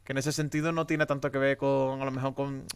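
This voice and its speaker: Andalusian male comic guest, smooth dry voice, fired-up conversational delivery. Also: medium pitch, little pitch movement, brisk, dry recording. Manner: emphatic and heated, many restarts. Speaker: guest comedian. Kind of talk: casual podcast conversation.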